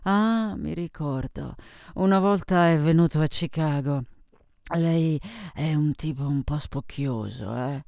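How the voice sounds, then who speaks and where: A man voicing a very drunk, arrogant young woman who is loud and crude, in an audiobook reading. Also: fairly high pitch, slow, creaky, dry recording, studio quality. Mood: sluggish. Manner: loud, slurring, crude taunts.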